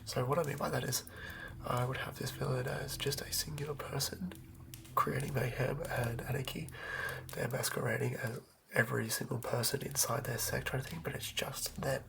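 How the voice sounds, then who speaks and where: Against background noise, an ASMR host whispers up close in a creaky, mid-range voice, flat in delivery and at normal speed. The talk is a fragmented, thinking-aloud ramble, inventing a villain while planning a tabletop game.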